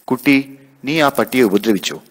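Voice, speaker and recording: A man voicing a stern male park keeper who lectures everyone loudly and firmly. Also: mid-range voice, animated, moderate pace, in a large hall, natural voice. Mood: stern lecturing. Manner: firm, loud, lecturing.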